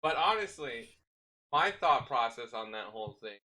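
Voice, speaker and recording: A man's voice: medium pitch, lively intonation, normal speed, sharp tone. Casual young man saying dude. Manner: rambling, swears, says dude a lot. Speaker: podcast host. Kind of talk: casual chat. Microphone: home microphone.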